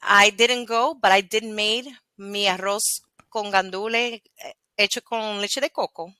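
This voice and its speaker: A woman's voice: mid-range voice, steady tone, measured pace, bright, forceful tone, no echo. A woman chatting casually on a podcast with her cousin, often slipping Spanish phrases into her English. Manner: chatty, slips into Spanish mid-sentence. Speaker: podcast co-host. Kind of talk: casual chat between cousins.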